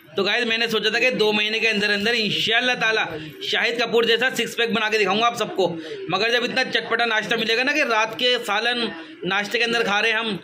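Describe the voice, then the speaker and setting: A man, chatting and joking to camera in a casual family vlog at home. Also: sits high. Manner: chatty, joking, addresses viewers as "guys". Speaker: family vlogger. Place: home and rooftop.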